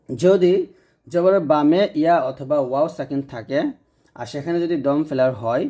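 A man's voice: on the high side, mellow. A man teaching Quran reading rules in a patient explanatory lesson, repeating points and checking that listeners follow.

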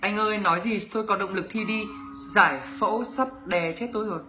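On a livestream, a young adult YouTuber from Bac Ninh, northern Vietnam, reads viewers' comments and questions aloud and teases them in his answers, speaking casually with a Northern Vietnamese accent. His high voice has a sharp tone and a fairly quick pace. Soft music plays behind him in an echoey room.

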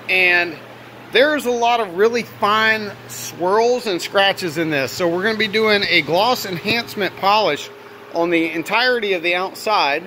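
A man giving a casual vlog walkaround in a workshop, raising his voice to talk loudly over a fan. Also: high-pitched. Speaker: auto detailer presenting own work. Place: garage workshop, indoors. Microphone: handheld phone camera, operator behind it. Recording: steady fan noise in workshop. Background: running fan.

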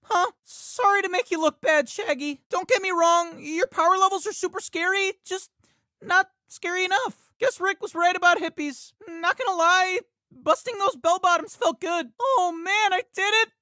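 Delivering video game voice lines, an anxious teenage boy speaks in a very high, bright voice at a moderate pace, jittery and excitable. He stammers, repeats words, and cracks into yelps, recorded dry on a studio microphone with no room sound.

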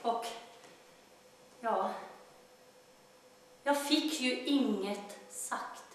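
Actress as a wry, troubled self-proclaimed daughter of God, high voice, very echoey stage room. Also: female voice, a little hiss or hum, natural voice. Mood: storytelling. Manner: wry, shifting between bursts of loud speech and hushed telling. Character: troubled woman claiming to be God's daughter. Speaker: stage actor in a monologue. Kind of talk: theatrical monologue.

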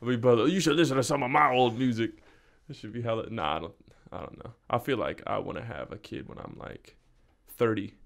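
A man's voice: medium pitch, a little fast, vocal fry. A man in his twenties co-hosting a podcast, chatting casually and loosely with lots of slang, close on a studio mic in a small room. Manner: slangy, loose, keeps saying bro and hella. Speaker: podcast co-host. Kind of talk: casual chat. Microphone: studio mic on boom arm, wearing headphones.

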